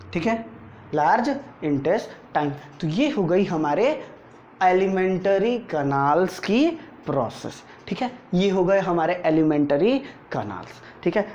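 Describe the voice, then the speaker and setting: Man teaching at the board, lo-fi. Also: high voice. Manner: asks rhetorical questions and answers them himself; repeats key terms, often tags "theek hai". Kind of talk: board lecture to school students. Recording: dull lo-fi recording with faint noise.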